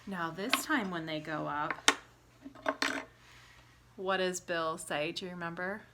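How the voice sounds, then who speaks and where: This woman teacher uses props to retell a story to young children, talking simply, posing questions, and animatedly acting out exclamations. Her voice is on the low side and her pace is slow, with heavy background noise behind her.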